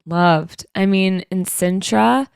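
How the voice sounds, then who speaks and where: A woman's voice: medium pitch, takes it slowly, gravelly, clear, resonant tone, no echo, clean studio sound. A woman co-hosting a podcast in casual chat, playful and teasing in manner. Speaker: podcast co-host.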